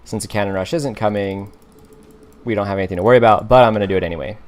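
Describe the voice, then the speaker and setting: A man giving relaxed gameplay commentary, talking to himself and explaining each move as he plays. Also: on the low side, very fast. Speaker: gaming commentator.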